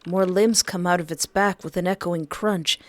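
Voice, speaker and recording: A woman's voice: lowish voice, steady tone, normal speed. A woman narrator reading a scripted second-person horror story.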